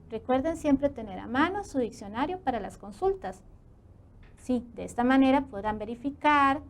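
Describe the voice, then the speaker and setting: A woman with a Costa Rican accent teaching a televised Spanish lesson, asking her students rhetorical questions as she goes. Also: fairly high pitch. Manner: asks students rhetorical questions, warm classroom tone.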